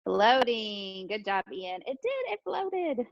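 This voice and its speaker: Speaking slowly with a creaky, fairly high voice that swings widely in pitch, a woman runs an interactive lesson for pre-kindergarten children. She poses questions and warmly repeats back what they say. The lo-fi audio has no echo.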